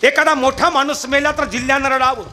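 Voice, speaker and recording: High-voiced man preaching an emotional kirtan. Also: steady tone, brisk, sharp tone. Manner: emotional, dramatic, calls out to the audience. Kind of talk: devotional kirtan storytelling. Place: live kirtan festival gathering. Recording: noisy live event recording.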